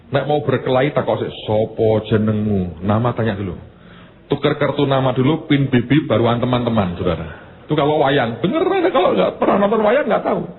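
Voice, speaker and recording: A male pastor preaching with a Javanese-inflected Indonesian accent, telling stories in an animated way that swings between high exclaiming and low murmured asides. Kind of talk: sermon. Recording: tinny phone-like sound with faint noise.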